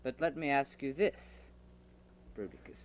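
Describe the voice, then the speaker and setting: Lively in intonation and speaking at a normal speed, a medium-pitched man performs several characters in an amateur, home-made audio drama. He wrestles earnestly with philosophical debate, tripping into repeated restarts, while an old cassette leaves a faint hiss.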